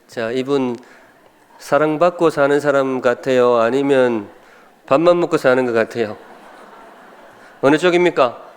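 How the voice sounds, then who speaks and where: A man's voice: medium pitch, a little slow, long pauses, clean tone. A man in his fifties from Gyeongsan with a Gyeongsang accent, preaching a humorous sermon as a pastor and asking the congregation questions. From Gyeongsan, South Korea.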